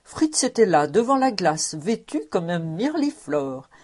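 A woman reading a classic novel aloud as narrator, measured and expressive. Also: medium pitch, breathy edge. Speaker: audiobook reader.

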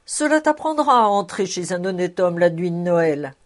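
A woman narrator puts on a big-hearted, jovial bachelor for a storybook reading. He talks in a hearty, expansive way and commands the room with good humour. His voice rises and falls with lively swings. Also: on the low side, moderate pace, natural voice. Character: jovial, generous middle-aged bachelor man.

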